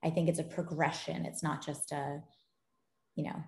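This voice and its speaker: Deep, creaky, and moderately paced, a woman's voice fills a casual podcast interview as she animatedly recounts dating and gaming stories, laughing with excitement. The recording has an echoey room sound.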